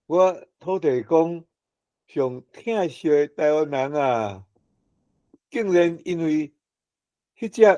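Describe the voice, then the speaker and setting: A man's voice: on the high side, dark tone, dry recording, muffled recording. A man playing a kindly, worried local earth god in a folk tale, fretful and earnest, with a Taiwanese accent.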